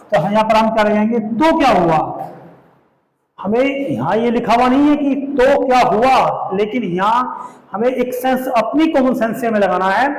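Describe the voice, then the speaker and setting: A man's voice: high voice, echoey room, rough recording. A man teaching a grammar lesson, explaining step by step and asking and answering his own questions.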